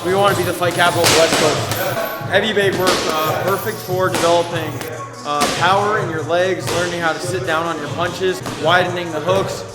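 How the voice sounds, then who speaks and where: A man who coaches at a boxing gym, answering interview questions in a plain, matter-of-fact way with filler pauses. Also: high-pitched, steady tone. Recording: echoey hall with loud music.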